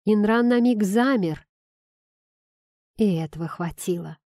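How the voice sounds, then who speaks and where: A woman reading a first-person fantasy audiobook in an expressive storytelling manner. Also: medium pitch, unhurried, no echo, clean studio sound. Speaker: audiobook narrator.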